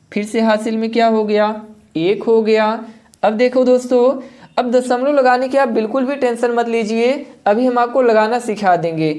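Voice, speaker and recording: A woman's voice: medium pitch, a little mellow. A woman teaching arithmetic step by step, patient and addressing viewers as friends. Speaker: math teacher. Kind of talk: step-by-step classroom explanation.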